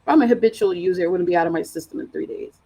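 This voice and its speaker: A woman speaks as a guest over a video call, her voice sitting a little low. She tells her story haltingly, full of fillers, restarts and emotion. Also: warm tone, breathy edge, rough recording. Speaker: interview guest. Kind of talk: personal account in an online interview.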